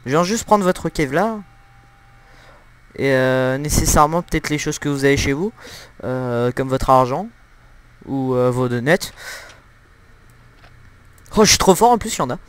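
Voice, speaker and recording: A man's voice: medium pitch, animated, measured pace, long pauses, smooth. Giggly young man joking through gameplay. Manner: joking, giggly, crude humor, many fillers. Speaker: gameplay commentator. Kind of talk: casual let's-play commentary.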